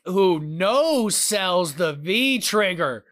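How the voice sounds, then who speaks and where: A male wrestling commentator with a notably high-pitched voice delivers move-by-move play-by-play. He is excitable and breaks into exclamations on big moves. The sound is dry, with hardly any room echo. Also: drawn-out words.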